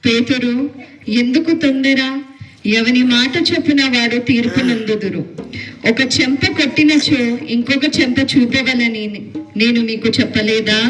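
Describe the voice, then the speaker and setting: A man's voice: extremely high pitch, a bit bright, slight background noise. A man playing a solemn teacher. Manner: measured, archaic preaching. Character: calm male teacher addressing disciples. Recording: distant mic, music behind.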